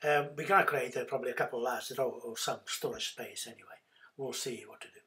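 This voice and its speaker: Man narrating a boat refit, halting. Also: mid-range voice, pushed and bright. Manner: halting, many fillers and restarts. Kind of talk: casual voice-over narration.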